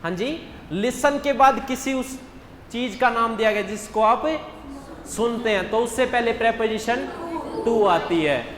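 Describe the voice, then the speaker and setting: A man's voice: extremely high pitch, unhurried, a bit bright. A male English teacher going over mock test answers in a classroom, constantly putting questions to the class and answering them himself. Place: classroom with students. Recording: echoey hall with faint background hum.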